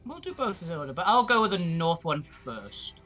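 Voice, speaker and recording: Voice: medium pitch, big pitch swings, normal speed, a bit bright, faint music behind. A player in an online tabletop game, casual and giggly, laughing often while talking.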